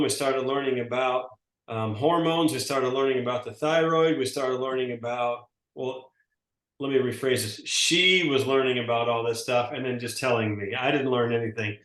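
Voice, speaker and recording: A man's voice: mid-range voice, a bit bright, roomy sound. A man in his forties telling his story in a casual, rambling way, often correcting himself. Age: 40s. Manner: rambling, self-correcting, folksy. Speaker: network marketing presenter. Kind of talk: casual testimonial talk.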